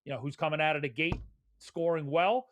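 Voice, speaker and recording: A man's voice: a little high, fairly even intonation, brisk. A man giving live darts commentary in a conversational, folksy way. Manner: conversational, folksy turns of phrase.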